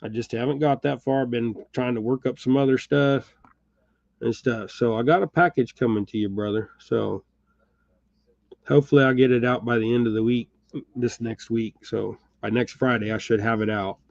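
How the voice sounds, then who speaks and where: A man's voice: mid-range voice, fairly even intonation, moderate pace, creaky, dull audio. Rambling middle-aged American man with a slight Texas twang. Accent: Texas-tinged American, says y'all. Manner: rambling, chuckling, talks to viewers by name. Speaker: channel host. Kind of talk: casual chat while tying jigs. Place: home workshop.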